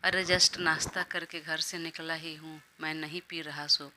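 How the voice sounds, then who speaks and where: A woman's voice: deep voice, little pitch movement, unhurried, bright, forceful tone, slight background noise, exaggerated voice. A woman voicing a playful young man who ribs his married best friend, in an audio story. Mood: teasing. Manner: playful, ribbing.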